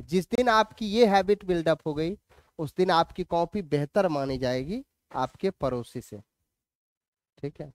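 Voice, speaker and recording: A man teaching a class, dictating slowly phrase by phrase and repeating lines, with asides to students. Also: sits high, a little mellow, no echo, studio quality.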